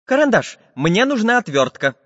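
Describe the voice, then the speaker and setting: A man's voice: high-pitched, big pitch swings, moderate pace, a bit bright, voice pushed up, full character voice. A man voicing a small iron male handyman who speaks firmly and plainly. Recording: dull lo-fi with long reverb.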